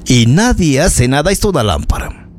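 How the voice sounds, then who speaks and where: A man with an Ecuadorian accent hosts a local radio news show, delivering live, opinionated commentary straight to his listeners. His voice sits a little high, swings widely in pitch, and moves at a moderate pace. He sounds indignant and emphatic, repeating phrases for effect.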